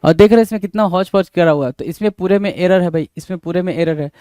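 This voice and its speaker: Spelling each word letter by letter, a young man gives a spelling lesson in a high, mellow, clear and resonant voice with no room sound. He drags out and repeats things emphatically, frequently addressing listeners as bhai.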